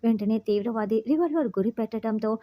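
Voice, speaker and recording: A woman narrating a story recap in a steady, running storytelling manner. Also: on the high side, quick pace, muffled recording. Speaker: narrator retelling a TV serial.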